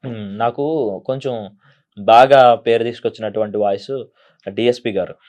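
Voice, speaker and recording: A man working as a mimicry artist, answering interview questions in a soft-spoken, halting way. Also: medium pitch, fairly even intonation. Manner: soft-spoken, halting explanations, frequent laughs. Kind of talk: casual interview talk. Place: interview studio.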